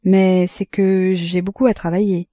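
A woman's voice: fairly low pitch, little pitch movement, a little slow, warm tone, no room sound, close to an everyday voice. A woman reading an audiobook voices a tense older brother who speaks hesitantly and falters. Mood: uneasy.

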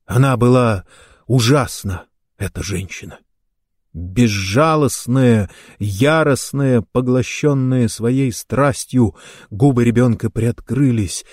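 A man reading a story aloud in slow, measured narration. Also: medium pitch, a little mellow, no room sound, clean studio sound. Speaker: audiobook narrator.

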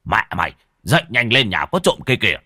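A man playing a gruff, short-tempered old master. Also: extremely low pitch, animated, normal speed, a bit bright, no echo, studio quality, voice pushed down. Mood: angry. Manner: gruff, barking orders.

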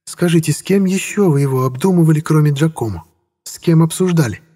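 A man's voice: a little high, a little fast, dark tone, pitched above the performer's own voice, lightly acted. A man voicing a cold sarcastic businesswoman. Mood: cool. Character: cool sharp-tongued businesswoman.

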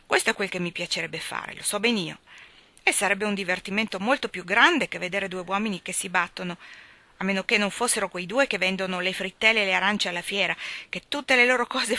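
A woman voicing a rough, boastful country boy who loves rat-catching, talking in a folksy way that repeats his own words. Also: medium pitch, fairly quick, pushed and bright, no echo, lightly acted.

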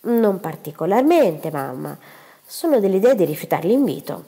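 A woman's voice: fairly high pitch, animated, normal speed, a little mellow, pitched above the performer's own voice. Proud reserved young woman, read by a woman, composed and dignified, long reverb. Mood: guarded.

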